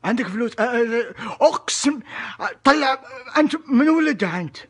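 A young man plays a furious father who bellows stammering threats down a prank call, his voice pitched unusually high. The sound is close and direct, recorded on a phone held at arm's length in a small indoor room. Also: expressive, fairly quick, fairly bright tone, heavily acted. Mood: threatening. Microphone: phone camera at arm's length.

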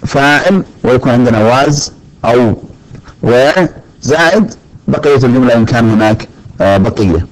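A man teaching an English grammar lesson, speaking slowly and deliberately, with many fillers and repeated words. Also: medium pitch, rough recording. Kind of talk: recorded classroom lesson. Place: lecture recording.

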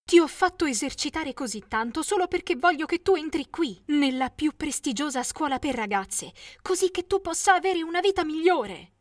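Woman doing a shrill, pushy adoptive mother. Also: expressive, normal speed, no echo, clean studio sound. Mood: insistent. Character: middle-aged adoptive mother, pushy and desperate.

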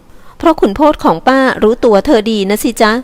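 A woman reading an audiobook and voicing an anxious, impatient young lady who speaks slowly and pleadingly. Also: on the high side, animated, voice pushed up, lightly acted. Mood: worried. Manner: slow, fretful and pleading.

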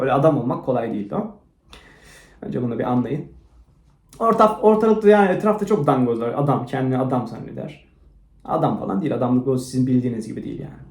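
A man hosting his own channel, rambling through a crude, self-mocking monologue that swings from low mumbling to loud rants. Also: quick pace. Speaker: channel host. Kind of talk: rambling motivational vlog monologue. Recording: roomy echo.

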